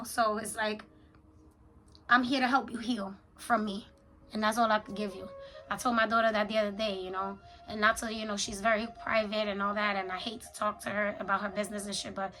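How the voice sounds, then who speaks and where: A woman's voice: mid-range voice, pushed and bright, rough recording. A woman talking candidly in a confessional vlog, with a raw, unfiltered, sweary and slangy way of speaking. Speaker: vlogger, spiritual journaler.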